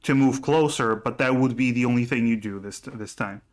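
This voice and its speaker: A man acting as game master for a tabletop role-playing game, narrating and refereeing in a halting way, often repeating himself. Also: mid-range voice.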